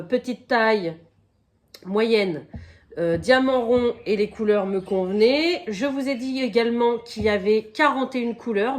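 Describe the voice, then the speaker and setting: A woman chatting casually through an unboxing, her voice a little croaky from a cold, filling pauses with "donc" and "euh" and stopping now and then to cough. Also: fairly high pitch. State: has a cold, slightly croaky voice. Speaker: crafting vlogger.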